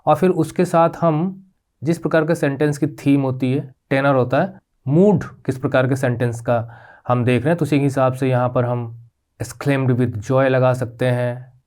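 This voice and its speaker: A man's voice: fairly even intonation, a little mellow. Patient male teacher explaining grammar. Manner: patient, repeats "ठीक है?" checks with rising pitch; spells out terms slowly, mixing English words into Hindi. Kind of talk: classroom grammar lesson.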